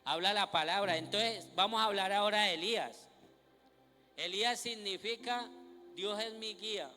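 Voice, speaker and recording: A man's voice: high voice, moderate pace, bright, forceful tone. A man preaching a sermon at a night vigil, reading scripture aloud and asking the congregation questions that he then answers himself. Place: church during a night vigil. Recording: reverberant church hall with music behind.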